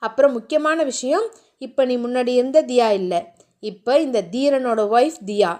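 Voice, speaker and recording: A woman voicing a gruff but caring young husband in a storybook reading, speaking in clipped, lowered commands. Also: normal speed, darkish tone, close to an everyday voice. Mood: tender.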